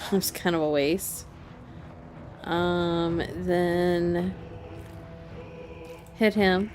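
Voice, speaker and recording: Woman gamer, lowish voice, unhurried live-stream play-by-play, frequent laughs. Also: fairly even intonation, music in the background. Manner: chatty, laughs often, thinks aloud. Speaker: streamer playing a video game. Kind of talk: casual live gameplay commentary.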